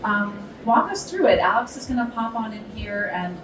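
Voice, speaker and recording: A woman's voice: medium pitch, sing-song, moderate pace. A woman hosting a live demo in a casual, chatty and upbeat presenting style. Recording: echoey, distant mic, noisy background.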